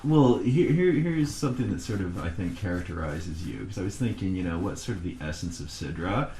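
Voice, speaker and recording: A man interviewing a family member in a casual conversation, reminiscing and gently prompting with questions. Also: deep voice, expressive, brisk. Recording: roomy recording with faint noise.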